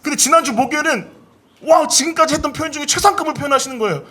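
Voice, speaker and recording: A male pastor preaching a sermon in a church service. He is animated, acts out inner voices with big swings in pitch, and has the congregation repeat key phrases after him. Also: very fast.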